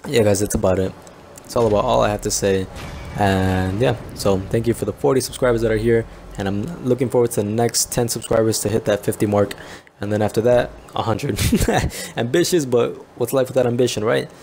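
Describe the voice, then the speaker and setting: Gravelly-voiced young man gaming commentary. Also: medium pitch, a little hiss or hum. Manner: chatty, rambling, bursts into excited yelps and laughs. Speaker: gaming YouTuber. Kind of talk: casual gameplay commentary.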